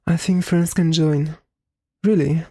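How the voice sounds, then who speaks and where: A young woman streaming a game, chatting casually with her viewers, her voice a little hoarse from talking, swearing freely. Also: low voice, fairly even intonation, slow, dark tone, dry recording. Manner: laid-back, swears freely, answers chat. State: slightly hoarse. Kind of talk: casual live-stream chat.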